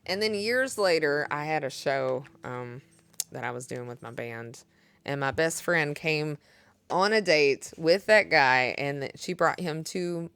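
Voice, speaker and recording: A Kentucky singer-guitarist on a livestream chats openly with viewers between songs, laughing a lot as she tells stories in her Kentucky accent. Her voice is low, clear, resonant and a bit bright, with lively intonation and an unhurried pace. It's a dry recording with acoustic guitar in the background.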